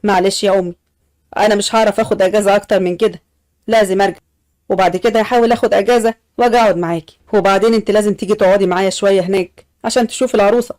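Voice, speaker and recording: A woman voicing a quietly heartbroken young man, speaking in a subdued, polite way in an audio story. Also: medium pitch, fairly even intonation, very fast, natural voice. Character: young man, sad, quietly lovesick brother.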